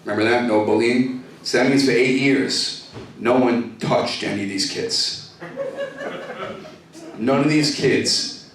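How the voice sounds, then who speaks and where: A man's voice: medium pitch, slow pace, long pauses, fairly bright tone, a little hiss or hum. A man in his thirties doing a profane stand-up comedy set, working the crowd in a comedy club. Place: comedy club stage with laughing audience. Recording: echoey club, distant mic, crowd laughter.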